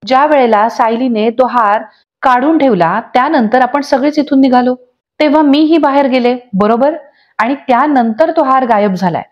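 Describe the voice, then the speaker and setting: A woman's voice: sits high, moderate pace, highs cut off, lightly acted. A woman reading the lines of an accused young lawyer who insists on her innocence. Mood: insistent.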